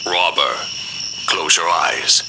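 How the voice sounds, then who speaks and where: A man playing a game app narrator who gives deliberate, commanding, dramatic instructions to night-time roles. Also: deep voice, steady tone, very noisy. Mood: commanding, solemn. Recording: loud background night ambience with crickets. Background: night ambience, crickets.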